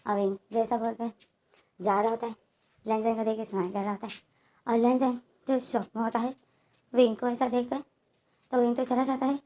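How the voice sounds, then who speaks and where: Woman, casual story retelling, rambling with fillers, higher pitch, mellow tone. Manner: rambling, with many "to phir" links and "uh" fillers.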